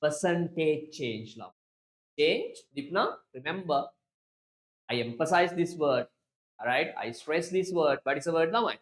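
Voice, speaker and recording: A man teaching an economics class, repeating key terms slowly and quizzing students. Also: a little high, animated. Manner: repetitive, drilling key terms and questioning students. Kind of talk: online class lecture.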